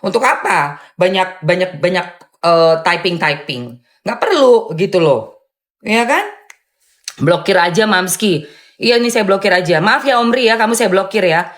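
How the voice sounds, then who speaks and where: A woman hosting a live stream and answering viewer comments in a loud, firm, blunt way, with sharp emphatic rises on dismissive phrases. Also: lowish voice, expressive, unhurried. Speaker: live-stream host and content creator.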